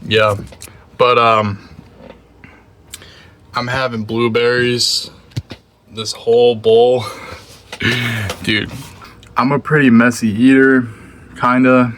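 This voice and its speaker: A man's voice: mid-range voice, level tone, slow pace, pauses often, fairly bright tone, a little hiss or hum. A young man chatting casually to the camera in a laid-back, slangy way, sometimes talking with his mouth full. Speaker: vlogger. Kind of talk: casual vlog chat.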